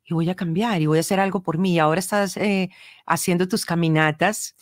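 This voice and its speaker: Low-voiced woman hosting a radio show. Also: fairly even intonation, fairly quick, dry recording, studio quality. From Colombia. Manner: encouraging, affirming, many short acknowledgements. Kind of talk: interview. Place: radio studio. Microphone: studio mic.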